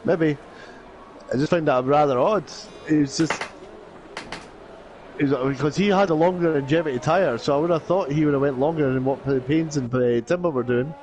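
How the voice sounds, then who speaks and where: A man's voice: a little high, normal speed, darkish tone, a little hiss or hum, rough recording. A man giving conversational live motorsport commentary and analysis, often restating his calls as a racing commentator.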